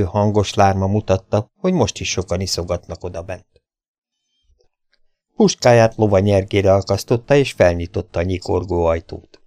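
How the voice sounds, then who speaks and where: A man narrating an audiobook in a steady, plain storytelling manner. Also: low voice, dry recording. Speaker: audiobook reader.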